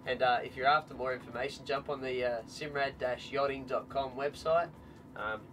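Relaxed Australian man explaining gear. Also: mid-range voice, moderate pace, slight background noise. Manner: relaxed, matter-of-fact explainer. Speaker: product representative. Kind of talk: casual technical explanation. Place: open deck of a boat on a bay, outdoors. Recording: slightly distant from mic, music underneath.

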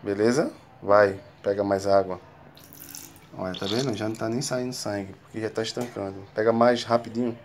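A man's voice: lowish voice, steady tone, moderate pace, a little hiss or hum. A young man from the northeast speaking as a father in a casual home video, patiently coaxing his child with step-by-step instructions. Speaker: father filming his son.

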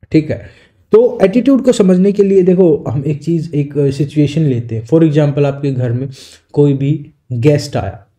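A man teaching an exam-prep lecture, explaining in Hindi and reading definitions slowly in English. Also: fairly high pitch, dark tone.

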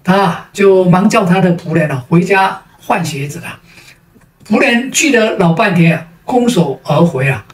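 A woman with a Taiwanese Mandarin accent telling a string of jokes, stretching out her sentence particles in a lively way. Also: lowish voice, normal speed, a little hiss or hum. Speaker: joke storyteller. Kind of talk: storytelling of jokes. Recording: roomy sound from a distant mic.

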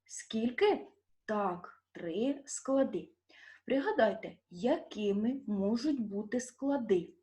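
With a Ukrainian accent, a woman teaches a primary school lesson, asking young children questions and drawing out stressed syllables slowly and clearly. Her voice sits on the high side, expressive and dark in tone.

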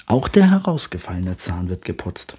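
Man reading kids' story, very breathy, lively pitch, animated. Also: moderate pace. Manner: animated, often slips into whisper. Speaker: storybook reader. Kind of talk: reading a children's story aloud.

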